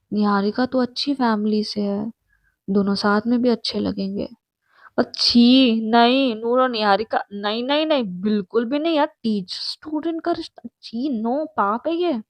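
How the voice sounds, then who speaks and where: A woman's voice: fairly high pitch, no room sound, lightly acted. Woman doing a jealous, flustered young woman. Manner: sharp, fretful, scolding herself.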